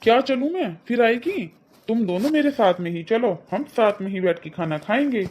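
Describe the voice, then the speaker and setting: Mellow-toned caring cartoon dad, soft-spoken, woman acting the part. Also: a little high, animated, normal speed, a little hiss or hum, lightly acted. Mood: warm. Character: kindly middle-aged father, gentle and caring.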